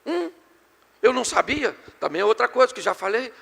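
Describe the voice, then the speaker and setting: A middle-aged Brazilian pastor preaching an animated, joking sermon to a live congregation. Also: male voice, very high-pitched, a little fast, gravelly, breathy edge. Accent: Brazilian Portuguese. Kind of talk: sermon on marriage and communication. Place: church hall before a live congregation. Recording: long hall reverb.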